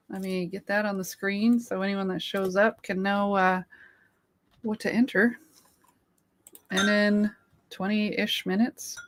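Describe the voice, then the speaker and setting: A woman with a mid-range, fairly bright voice co-hosts a relaxed livestream. Between giggles and chatter she thanks her viewers, even as she's losing her voice.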